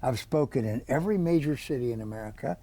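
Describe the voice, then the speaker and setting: A man's voice: medium pitch, animated, quick pace, mellow. A man in his eighties, an author, answering interview questions with rambling, folksy stories full of quoted dialogue. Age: 80s.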